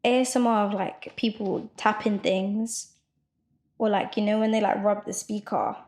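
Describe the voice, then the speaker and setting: A woman co-hosting a podcast, chatting casually and quick to protest in an exasperated way. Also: mid-range voice, steady tone, darkish tone. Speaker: podcast co-host. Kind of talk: casual chat.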